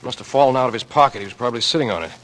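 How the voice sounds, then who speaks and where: In a noisy old 1940s radio drama recording, an actor plays an anxious, earnest young American man who has become an amateur sleuth. He speaks rapidly in terse, clipped deductions, intent and explaining, with a mid-range, fairly bright voice and lightly acted delivery.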